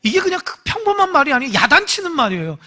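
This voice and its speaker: Lively high-pitched preaching man. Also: racing. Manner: emphatic preaching, swinging from loud calls to hushed asides; acts out quoted voices in dialogue. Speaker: pastor. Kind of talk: Sunday morning sermon.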